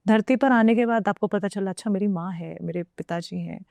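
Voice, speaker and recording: A woman's voice: mid-range voice, brisk, gravelly, darkish tone, dry recording. A young woman from Uttar Pradesh, India, speaking as a guest in a casual conversation. She is reflective and moves between Hindi and English as she talks.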